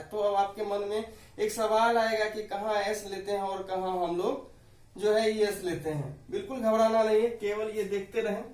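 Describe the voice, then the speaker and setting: A man's voice: sits high, darkish tone, roomy sound, recorded from a distance, low-quality recording. A man teaching an English grammar lesson to students, explaining each rule patiently and often addressing them as dear students.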